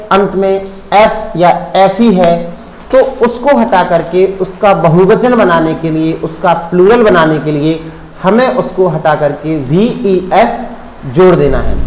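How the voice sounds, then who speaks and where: A man teaching an English grammar lesson, spelling words out letter by letter and often checking whether the point is clear. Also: high-pitched, reverberant, a little hiss or hum, poor audio.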